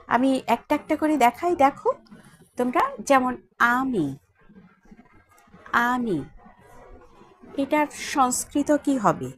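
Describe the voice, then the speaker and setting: A woman's voice: high-pitched, very animated, slow, long pauses, a bit bright. A woman with a Bengali accent teaching a Sanskrit lesson at a board, spelling words out letter by letter and asking her students checking questions. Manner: asks the class checking questions. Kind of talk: classroom lesson at a whiteboard.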